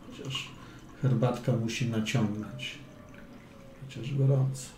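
Speaking slowly and with fairly even intonation, a man with a mid-range voice coaches chess as he plays a game. The commentary is casual and playful, peppered with quips and mutters, in a room that echoes and hums faintly.

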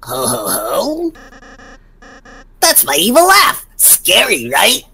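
A woman acts out a small, boastful clown villain from a video game, unhinged and theatrical. The voice is creaky and swings widely in pitch. It takes its time, desperate to seem scary, over background music. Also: big pitch swings, slow, sharp tone, exaggerated voice. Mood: gleeful menace. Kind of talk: voicing video game dialogue in a let's play.

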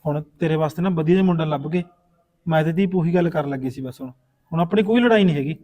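A man's voice: a little high, fast, highs cut off, natural voice. A man acting an elder brother who asks his widowed sister to forgive him and reassures her. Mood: reassuring. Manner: earnest, pleading, reassuring. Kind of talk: amateur village short-film acting.

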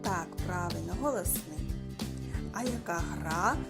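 A woman teaching a speech lesson to preschool children, saying each word slowly and clearly and repeating it. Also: on the low side, lively intonation, loud music behind the voice. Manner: slow, clearly articulated words, repeated for children. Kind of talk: slow lesson for small children.

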